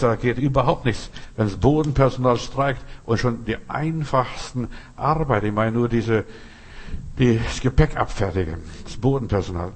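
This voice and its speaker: A male pastor delivering a sermon in a mid-pitched voice. He drives his points home with repeated short phrases and talks directly to his listeners. He slows down deliberately on the lines he wants to land. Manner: preaching with repetitive emphatic phrasing, addressing listeners as du.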